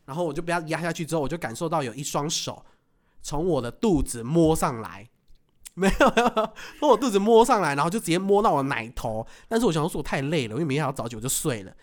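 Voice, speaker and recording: Guy on a podcast, kinda high voice, lively, keeps laughing while he tells it. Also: fast talker. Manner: animated, laughs often, acts out quotes. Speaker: podcast co-host. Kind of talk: casual storytelling chat.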